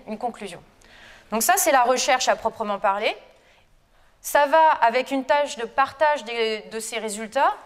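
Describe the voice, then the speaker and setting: A woman's voice: on the high side, long reverb tail. A French woman, a lecturer and researcher, giving a chatty, informal conference talk to students with frequent hesitations. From France. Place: lecture hall.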